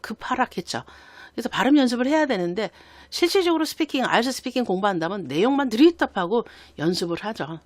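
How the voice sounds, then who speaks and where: A man's voice: high voice, no echo. A man giving a recorded lesson as an IELTS instructor, often stopping to ask his listeners rhetorical questions. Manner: lively teaching, frequent rhetorical questions. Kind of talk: recorded lecture.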